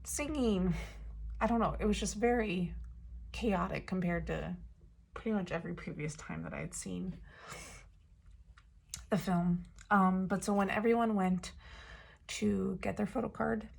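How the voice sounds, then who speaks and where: Chatty woman vlogger with a gravelly, husky voice. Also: medium pitch, unhurried, pauses often. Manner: chatty, rambling, many fillers and "like". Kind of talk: casual vlog storytelling.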